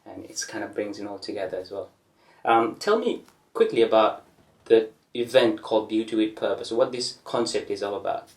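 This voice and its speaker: A man's voice: on the low side, lively intonation, normal speed, darkish tone. A man hosting a casual interview, friendly and hesitant with many fillers. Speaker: host. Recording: roomy, distant mic.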